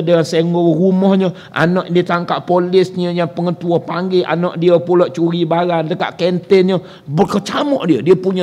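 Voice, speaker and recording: A man's voice: high-pitched, mellow. A man with a Malaysian Malay accent giving an evening religious lecture in a prayer hall, talking conversationally, quizzing his listeners and referring to himself as Ustaz. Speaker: religious teacher.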